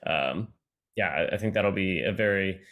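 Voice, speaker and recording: A man's voice: sits low, normal speed, a bit bright. A young man producing a conference, talking in a laid-back way with many fillers in a casual video chat. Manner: laid-back, lots of yeahs and ums.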